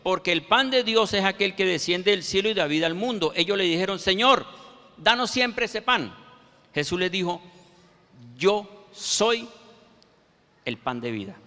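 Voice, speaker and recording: A man preaching a sermon, quoting scripture verses with slow, emphatic pauses. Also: high voice, animated, pushed and bright. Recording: reverberant hall.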